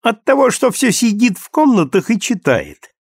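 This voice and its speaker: A man voicing an excitable young woman who gushes and exclaims. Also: high voice, moderate pace, breathy edge, no room sound, clean studio sound, voice pushed up, full character voice. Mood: excited.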